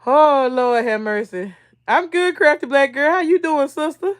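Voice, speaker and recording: A woman with a voice that sits high speaks at a moderate pace as she hosts her own livestream. She chats casually with her viewers, reads their comments aloud, and laughs often.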